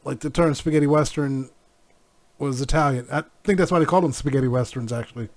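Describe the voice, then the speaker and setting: A British man hosting a reaction video, chatting casually and sounding curious and incredulous. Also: medium pitch. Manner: curious, incredulous, quick to laugh.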